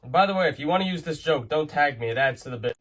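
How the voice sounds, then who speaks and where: Quick, higher-voiced man in comedy skits. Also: animated, a bit bright. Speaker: comedy sketch performer. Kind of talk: scripted short comedy sketches.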